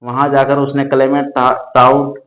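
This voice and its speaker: A man's voice: medium pitch, completely flat delivery, moderate pace, a bit bright. A man narrating a true-crime case in an unscripted way, often restarting and correcting himself mid-sentence. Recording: echoey room.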